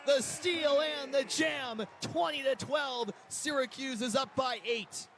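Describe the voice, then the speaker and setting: A man with a very high-pitched, fairly bright voice does live radio play-by-play of basketball games in an arena, taking it slowly with clipped, vivid calls. Arena noise and a bouncing basketball are clearly audible in the recording.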